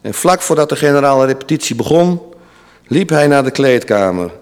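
A man giving a sermon in a church hall, telling a story with dramatic pauses and voicing its characters. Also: mid-range voice, animated, smooth. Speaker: preacher. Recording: long reverb of a large hall.

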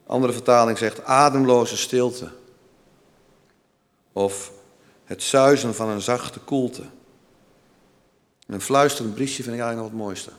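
Male preacher, sermon, slow and gentle, long pauses, church hall reverb. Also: mid-range voice.

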